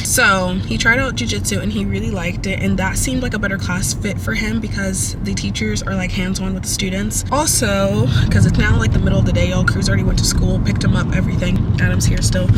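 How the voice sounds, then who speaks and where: Chatty American woman vlogging from a car. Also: medium pitch. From United States. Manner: chatty, talks to viewers as y'all, many fillers. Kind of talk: casual chat to camera. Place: inside a moving car. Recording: loud car road noise.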